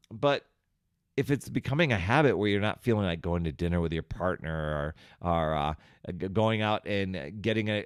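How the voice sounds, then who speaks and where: With a lowish voice, a self-help podcast host talks directly to his listener in a conversational, encouraging, coaching style. The recording is dry and studio-clean.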